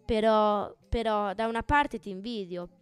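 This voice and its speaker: A woman's voice: lively intonation, moderate pace, pushed and bright, no room sound. A woman playing a pompous, vain pond lord. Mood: wistful. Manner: pompous, grandiose, booming then sighing. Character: boastful vain pond lord hidden underwater. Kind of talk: storybook reading.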